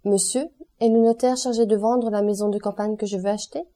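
A woman's voice: mid-range voice, fairly even intonation, a little fast, warm tone, close to an everyday voice. Woman reading an aloof, commanding count. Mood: cool, offhand. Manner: offhand, commanding. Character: aloof, wealthy, self-assured male count. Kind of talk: audiobook reading.

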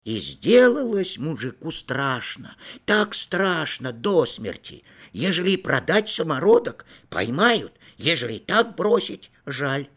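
A male audiobook narrator reading a classic story. His delivery is expressive and storytelling in manner. His pitch moves in wide, lively swings. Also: takes it slowly.

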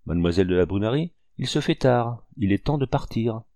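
A man's voice: fairly low pitch, animated, brisk, mellow, no echo, studio quality. A man reading a novel aloud and voicing a blunt, good-natured hunter who speaks jovially. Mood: bluff. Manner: bluff, jovial. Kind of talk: audiobook reading.

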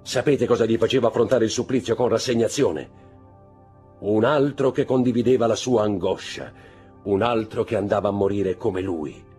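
A man's voice: fairly low pitch, normal speed, a little mellow, slightly rough, soft background music. A man voicing a cold, sardonic count. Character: cold, bitter aristocratic count, middle-aged man.

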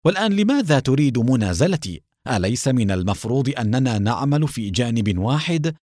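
Brief: cold, sarcastic masked gunslinger, read by a man, lively pitch, dry sound. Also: brisk, no room sound. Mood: calm. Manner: calm, mocking. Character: calm masked vigilante cowboy, a grown man, cold and sarcastic.

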